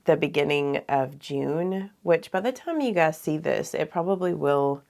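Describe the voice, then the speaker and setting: Animated yet unhurried, her voice sits low and is gravelly with a darkish tone. She's a beauty vlogger in casual get-ready-with-me mode, doing her makeup while sounding a bit nasal and congested, full of filler words.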